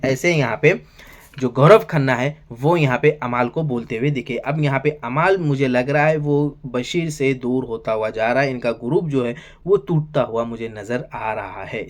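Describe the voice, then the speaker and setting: A man giving a casual, chatty recap of a reality show episode, often calling viewers brother and friends and acting out quotes in a raised voice. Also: medium pitch.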